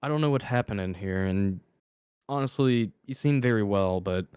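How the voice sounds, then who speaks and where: A man's voice: on the low side, normal speed, darkish tone, clean tone, no room sound, studio quality, natural voice. A man voicing a stern, serious male guard captain who talks firmly. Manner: stern, firm.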